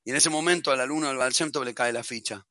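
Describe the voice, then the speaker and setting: A middle-aged man with an Argentine accent, a rabbi telling a story in a lively, colloquial and heartfelt way. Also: medium pitch, quick pace, no room sound. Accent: Argentine Spanish. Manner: animated, colloquial, emotional. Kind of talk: storytelling talk.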